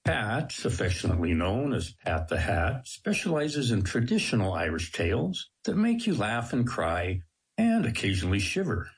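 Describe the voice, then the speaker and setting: A man's voice: medium pitch, very animated, moderate pace, husky. An American man hosting a radio show with polished, dramatic presenter phrasing. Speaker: radio guest host. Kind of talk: scripted radio introduction and interview.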